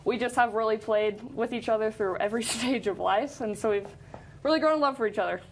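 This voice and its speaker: A woman's voice: a little high, brisk, slight background noise, low-quality recording. A young woman in her late teens giving casual interview answers as a student athlete. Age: teens, high school senior. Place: studio set.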